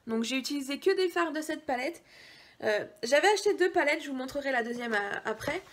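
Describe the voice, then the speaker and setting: High-voiced chatty woman vlogger. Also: animated, brisk. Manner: chatty, hesitant, drops into quiet asides. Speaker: beauty vlogger. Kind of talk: casual makeup haul video.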